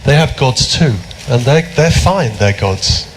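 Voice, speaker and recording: A British man, a philosopher as guest at a public talk, speaking in an animated, chatty storytelling way with many fillers and restarts. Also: medium pitch, a little slow, a little hiss or hum, rough recording. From Britain.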